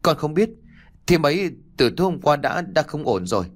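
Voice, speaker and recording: A man's voice: on the high side, sing-song, normal speed, pitched above the performer's own voice. A man doing a pleading, stammering young man. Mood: shaken. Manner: humble, stammering.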